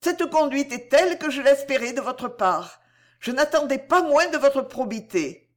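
A woman reading the part of a distressed, virtuous young heiress in a storybook, speaking softly, earnestly and with pain. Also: high-pitched, expressive, normal speed, pitched above the performer's own voice. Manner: soft, earnest and pained. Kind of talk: audiobook character reading.

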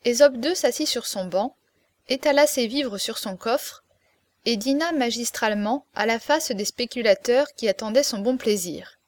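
A woman reads a classic novel aloud with lively, expressive storytelling. Her voice sits a little higher than most. The sound is dry and close, with no room echo. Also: moderate pace. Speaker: narrator. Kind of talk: audiobook reading of a classic novel.

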